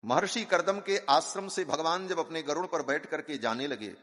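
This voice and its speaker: Katha preacher, male, somewhat high voice, chants Sanskrit verses between storytelling, long hall reverb. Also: normal speed, fairly bright tone. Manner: recites Sanskrit verses and addresses listeners as Maharaj. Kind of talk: devotional storytelling sermon.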